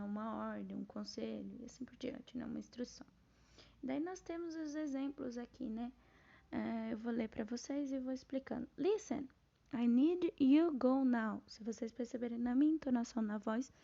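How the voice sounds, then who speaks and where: Relaxed Brazilian woman teaching English. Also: on the high side, creaky, highs cut off. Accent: Brazilian Portuguese. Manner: relaxed, with frequent tag "né?" and slow read-out English examples. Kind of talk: casual spoken grammar lesson, reading and explaining.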